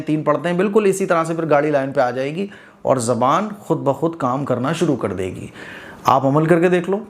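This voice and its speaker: A man teaching Quran reading in an informal lesson, talking straight to learners in an encouraging way. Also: a little high. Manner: demonstrates recitation, drawing out words very slowly; encouraging, direct address to learners.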